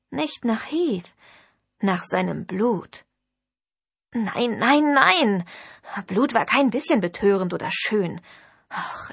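A woman's voice: mid-range voice, husky, no echo. A woman narrating a first-person novel in an intimate storytelling manner. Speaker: audiobook narrator.

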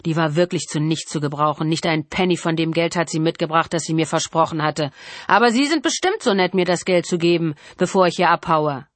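A woman's voice: low voice, a little fast, no room sound, close to an everyday voice. A woman reading an audiobook, voicing a callous male killer who taunts casually and cruelly. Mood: sneering.

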